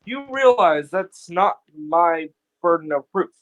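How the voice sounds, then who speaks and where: A man's voice: a little high, lively intonation, slow pace, fairly bright tone, no echo. Insistent man arguing on voice chat. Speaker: debater on a voice call. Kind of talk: argumentative voice chat.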